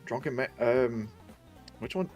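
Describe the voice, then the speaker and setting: A man's voice: mid-range voice, animated, a little slow, darkish tone, soft background music. A man chatting casually as a player in a tabletop fantasy game, explaining things patiently. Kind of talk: casual in-character game chat.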